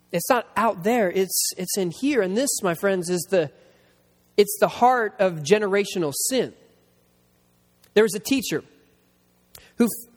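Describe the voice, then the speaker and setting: A man preaching a sermon and telling personal stories, slowing down to repeat his key lines for emphasis. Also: sits high. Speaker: pastor. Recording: long hall reverb.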